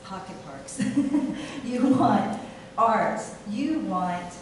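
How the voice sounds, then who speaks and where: A middle-aged woman from Taiwan, running for city council, gives a campaign speech in a meeting room. Her mid-range voice is expressive but halting, full of fillers and restarts. The recording is noisy with a hiss, echoey, and captured from far off the mic.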